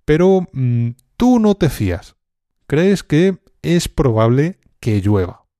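A man teaching a language lesson, speaking calmly and deliberately with some hesitant fillers. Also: fairly high pitch, no echo, studio quality. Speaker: Spanish teacher. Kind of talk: slow, clear language lesson.

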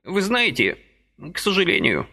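A man putting on a high, fussy frail old man. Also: wildly swooping pitch, normal speed, gravelly, sharp tone, full character voice. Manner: high, fluttering, apologetic.

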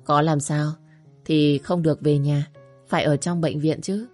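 A woman voicing a gentle, reassuring injured man. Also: low-pitched, steady tone, unhurried, soft background music.

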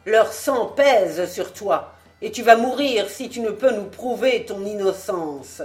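A woman voicing a stern old male outlaw chief, calmly menacing, speaking loud, slow and deliberate, in an audiobook. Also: mid-range voice, faint music behind.

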